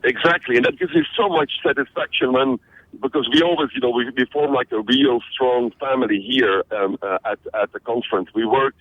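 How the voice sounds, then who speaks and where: A man's voice: medium pitch, brisk, creaky, dry recording. A middle-aged man from Belgium answers radio interview questions with energy, stumbling and restarting as he goes. His voice sits in a middle register and comes through thin and narrow, like a phone line. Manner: energetic, many restarts and fillers. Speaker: interview guest, social media trainer. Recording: phone-like narrow band audio.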